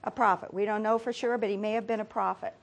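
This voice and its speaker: Speaking at medium pitch with fairly even intonation and a quick pace, a woman teaches Bible study. She quizzes the class and laughs easily along the way.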